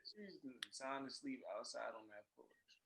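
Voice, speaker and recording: A man's voice: mid-range voice, lively intonation, unhurried, creaky, fairly bright tone. A man joking and teasing his friends in a casual group chat. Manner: teasing, jokey banter.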